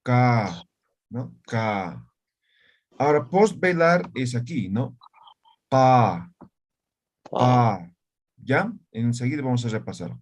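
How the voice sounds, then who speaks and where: A man gives an online language lesson at an unhurried, deliberate pace. He explains patiently, often pausing to check that his students follow. Now and then he sounds out short syllables to demonstrate pronunciation. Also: medium pitch, sing-song. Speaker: language teacher.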